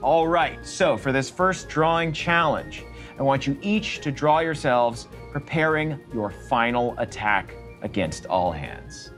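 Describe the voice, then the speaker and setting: A man's voice: mid-range voice, animated, a little slow, fairly bright tone. A man in his thirties narrating and hosting a tabletop game show as game master. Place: indoor studio set dressed as a tavern. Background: music.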